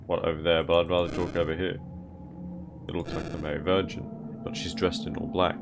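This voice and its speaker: A man's voice: low voice, flat delivery, brisk, noisy background. A man hosting a gaming video with casual let's play commentary.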